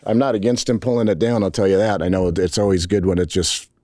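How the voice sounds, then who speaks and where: Middle-aged male coach, very deep voice, dry close sound, frank and halting at a press table. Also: steady tone, darkish tone, no room sound. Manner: measured, frank, with many restarts and fillers. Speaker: head football coach. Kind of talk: post-game press conference. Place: press conference room. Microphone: table mics in front.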